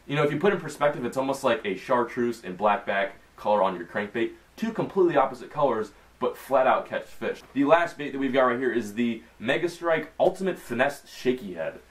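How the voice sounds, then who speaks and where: A young man with a Midwestern American accent, casually chatting through a fishing tackle unboxing in his small bedroom, full of slang and fillers. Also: lowish voice. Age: young adult. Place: small bedroom with a desk, indoors.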